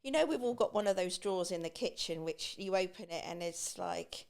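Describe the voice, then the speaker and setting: A middle-aged woman from Great Yarmouth, England, speaks with an East Anglian accent in a lowish, slightly mellow voice with vocal fry. She is a beach hut business owner appearing as a podcast guest, and she chats briskly and animatedly, telling personal stories and acting out remarks she remembers.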